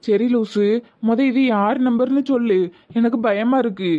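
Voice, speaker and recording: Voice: mid-range voice, a little slow, dull audio, lightly acted. A voice actor playing a troubled young man torn between his love and his father, with a Tirunelveli Tamil accent, in a cartoon. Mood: tense. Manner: tense, pleading.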